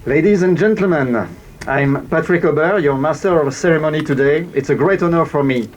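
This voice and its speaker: A man with a French accent, acting as master of ceremonies and giving a measured, formal address into a PA microphone outdoors. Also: on the high side, a little hiss or hum. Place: outdoors at a monument.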